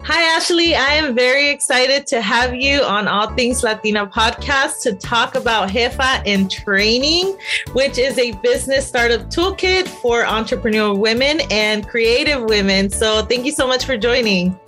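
A woman hosts a podcast interview with an upbeat, welcoming manner. Her voice sits high and bright. Faint music plays underneath. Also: expressive, moderate pace. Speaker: podcast host. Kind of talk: interview hosting.

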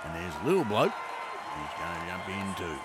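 A man voicing a clueless male rowing commentator with a broad Australian accent, drawling slang and rising into excitement. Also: sits low, fairly quick, over a noisy crowd, very noisy. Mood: clueless excited.

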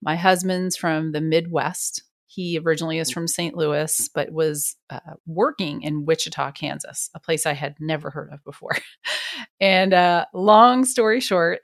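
A middle-aged woman, a retired police detective, talks through her career in a chatty, candid interview style. Her voice sits low for a woman. The recording is dry and close, with no room around it. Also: no echo. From New York. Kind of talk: casual interview conversation.

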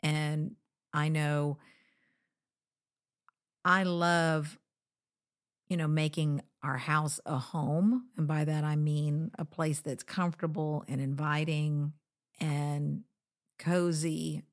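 A woman's voice: sits low, steady tone, takes it slowly, long pauses. A middle-aged woman co-hosting a casual, reflective conversation, with frequent conversational asides. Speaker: co-host of a marriage show.

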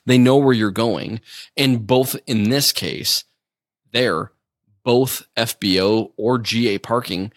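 A man's voice: medium pitch, no echo, studio quality. A man who flies for a living, chatting casually and walking through radio calls in plain steps. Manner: explains fast, in plain steps. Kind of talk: casual chat.

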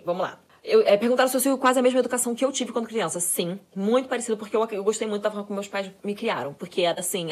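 A young woman, a mother, chatting fast and animatedly to viewers about raising her children. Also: medium pitch. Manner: fast, animated, self-described fast talker. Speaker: mother giving parenting advice. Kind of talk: casual chat to viewers.

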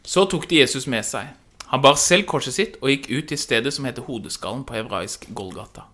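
Bright-voiced man reading scripture aloud. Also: medium pitch. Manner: measured, expressive narration. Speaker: scripture reader.

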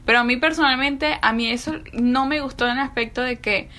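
A woman with a bright, forceful, fairly high voice talking things over casually. She speaks earnestly from personal experience and leans on fillers as she thinks aloud. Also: fairly even intonation, brisk. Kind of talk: casual chat.

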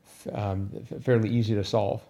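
Brief: mellow-voiced male co-host, hesitant, self-correcting, casual puzzle chat. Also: fairly low pitch, little pitch movement, normal speed. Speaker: podcast co-host.

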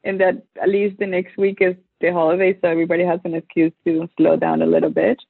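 A woman with a gravelly voice of middle pitch talks in a relaxed, measured way as a panel guest. She comes through a tinny, phone-like line. The sound is dry, with no room echo. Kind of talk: casual conversation.

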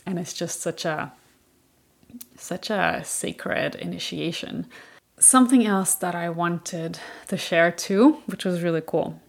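A woman's voice: on the low side, takes it slowly, gravelly. A woman from Ireland hosting a podcast, telling a personal story in a candid, chatty way with plenty of fillers. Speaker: podcast host.

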